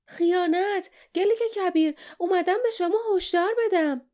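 A scheming, cowardly male traitor who mumbles and fawns in a shrill, raised voice, played by a woman narrator. He is a storybook character, high-pitched and wheedling. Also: steady tone, a little mellow. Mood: alarmed.

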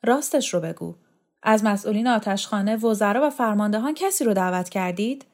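A woman's voice: mid-range voice, a little mellow, natural voice. A woman reading the part of a vain, demanding actress with a haughty manner. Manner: haughty, insistent.

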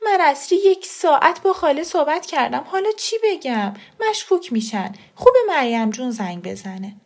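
A woman reader voicing a middle-aged aunt who is tearful and defensive, with a shrill pleading manner. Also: animated. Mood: upset pleading.

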